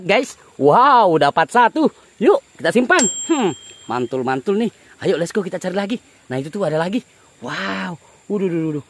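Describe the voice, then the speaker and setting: A man giving excited commentary while catching fish by a river, full of exclamations and coos. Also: high-pitched. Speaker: fishing vlogger. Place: outdoors by a river.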